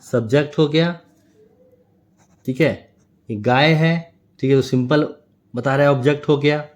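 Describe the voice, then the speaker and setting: A man's voice: fairly high pitch, fairly even intonation, measured pace. A man teaching a grammar lesson, explaining step by step and often checking with a tag question.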